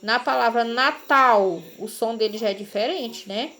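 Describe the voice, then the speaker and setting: In a recorded class lesson, a primary school teacher patiently explains material to children, often checking in with short tag questions. Her voice is a little high and a little fast, with slight hiss or hum.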